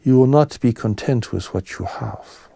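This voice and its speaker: In a calm, gentle, solemn sermon, a male spiritual teacher speaks in short, measured phrases, his soft voice going breathy as each one ends. His pitch is medium, and the studio-quality recording has no echo.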